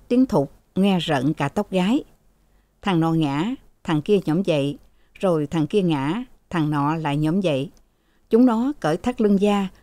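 A woman narrating a novel for a radio story program, steady and measured, close to a studio mic. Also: on the low side, no echo. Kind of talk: audiobook narration.

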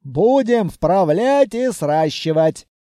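A man's voice: high-pitched, expressive, slow pace, warm tone, no echo, clean studio sound. Man doing a bossy old grandmother healer. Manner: scolding, commanding.

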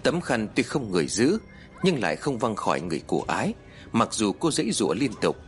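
A man narrating a horror story in a dramatic, expressive way. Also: lowish voice, brisk, faint music behind.

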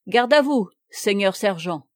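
A woman's voice: medium pitch, animated, measured pace, no room sound, studio quality, natural voice. A woman reading aloud, voicing a clever, cocky young peasant boy in a raised, playful voice. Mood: sly.

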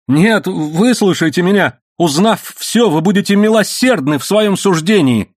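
A man's voice: quick pace, dry recording, clean studio sound, lightly acted. A man reading an audiobook, voicing a guilty young nobleman who pleads frantically. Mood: desperate pleading. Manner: frantic, high-strung pleading.

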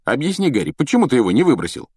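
A man's voice: medium pitch, sing-song, very fast, darkish tone, slightly rough, no room sound, voice pushed up. A man voicing an ironic, skeptical schoolboy who makes offhand, mocking remarks in an audiobook reading.

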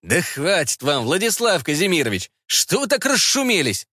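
A man's voice: a little high, wildly swooping pitch, moderate pace, pushed and bright, husky, dry recording, clean studio sound, pitched above the performer's own voice, heavily acted. A man voicing a bored, blunt young army lieutenant in an audiobook. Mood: offhand.

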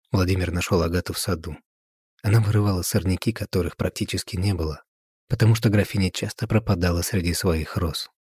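A man narrating an audiobook in a calm, measured way. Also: sits low, husky, dry recording, clean studio sound. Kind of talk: audiobook reading.

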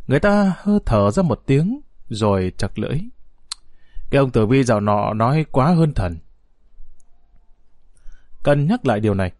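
A man's voice: mid-range voice, a little mellow, dry recording, clean studio sound. A man narrating a story as an audiobook, expressively voicing the characters.

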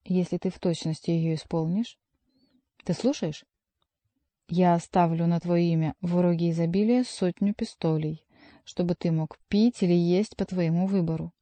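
A woman's voice: lowish voice, fairly even intonation, moderate pace, mellow, no echo, lightly acted. A woman voicing a stern male jester who scolds a monk, reading a storybook aloud. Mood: commanding.

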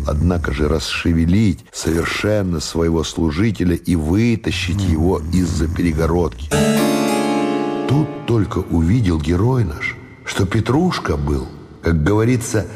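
A man reading a classic novel aloud as audiobook narrator, slow and expressive. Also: low-pitched, in a large hall. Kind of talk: scripted literary narration.

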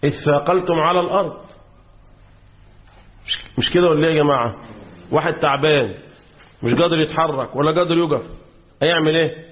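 An Egyptian man teaches Quran commentary to a class and keeps prompting his students to finish his sentences. His voice sits a little high for a man and repeats key words as he explains. The recording is thin and phone-like. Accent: Egyptian Arabic. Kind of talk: classroom lecture.

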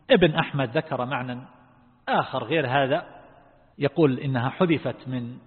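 A man teaching a religious lesson as a scholar. He explains slowly and deliberately and puts questions to his listeners. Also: mid-range voice, husky. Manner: asks the class questions. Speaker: Islamic scholar teaching Quran reflection. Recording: phone-like audio in a long-reverb hall.

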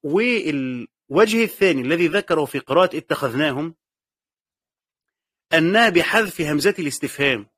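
A man's voice: a little high, animated, moderate pace, long pauses, fairly bright tone, husky, no room sound, clean studio sound. A man with an Egyptian accent teaching a lesson on Quranic exegesis. He explains step by step, repeats key phrases, and asks and answers his own questions. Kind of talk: classroom lesson commentary.

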